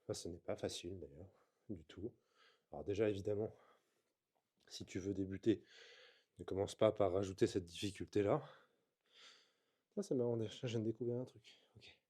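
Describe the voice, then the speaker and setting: A man talking through slow floor exercises in a calm, explanatory vlog, coaching the viewer as he moves. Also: lowish voice, breathy edge. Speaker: movement coach. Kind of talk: instructional vlog.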